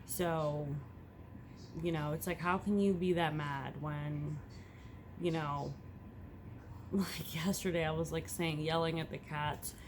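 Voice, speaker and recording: In a noisy setting, a young first-time mom vlogs at home in a low-pitched, steady voice, speaking slowly and pausing often. She's candid and rambling, going from hushed to loud.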